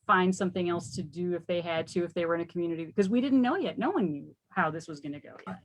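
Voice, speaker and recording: A woman's voice: lowish voice, quick pace, low-quality recording. A woman from Chicago, a guest who organizes a yarn event, chatting earnestly about it. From Chicago area. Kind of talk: casual chat.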